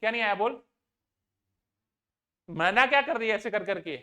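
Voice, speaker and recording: A male teacher lecturing a room full of students. He keeps the class moving with a steady pattern: he asks a question, answers it himself, then asks it again. In between he pleads with them to concentrate. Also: sits high, normal speed. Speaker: physics teacher.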